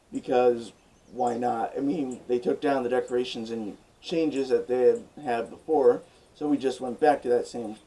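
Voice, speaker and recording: A man telling a story on his vlog in an animated, chatty way, often saying "like". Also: mid-range voice, low-quality recording. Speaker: vlogger.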